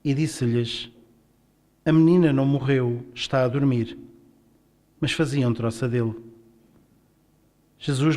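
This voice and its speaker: A man's voice: mid-range voice, dark tone. A man with a European Portuguese accent reading a Gospel passage aloud. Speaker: scripture reader.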